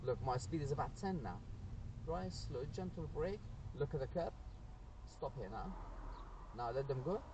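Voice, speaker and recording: A man working as a driving instructor, giving a careful, unhurried step-by-step commentary in short phrases from inside a moving car. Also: fairly high pitch, lively intonation. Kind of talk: driving lesson commentary, step-by-step spoken demonstration. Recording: noisy car interior, distant mic, road noise.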